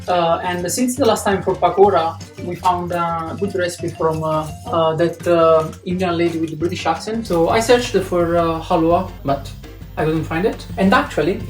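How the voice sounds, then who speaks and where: Hesitant Italian man in an echoey kitchen. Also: high-pitched. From Italy. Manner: hesitant, halting, with many fillers. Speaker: home cook on a cooking vlog. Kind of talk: casual chat while cooking. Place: home kitchen. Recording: echoey kitchen with soft music.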